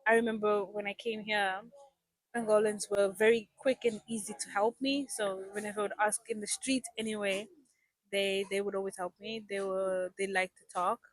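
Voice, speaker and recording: A woman's voice: medium pitch, little pitch movement, normal speed, dry recording. A young woman, a guest raised in South Africa with English as her first language, chatting casually in an interview with many ums and restarts.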